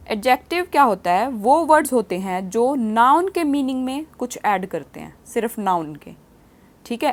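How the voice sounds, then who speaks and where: A woman teaching a grammar lesson, explaining step by step and asking her students many quiz questions. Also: a little high. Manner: reads example sentences slowly and clearly. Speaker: English teacher.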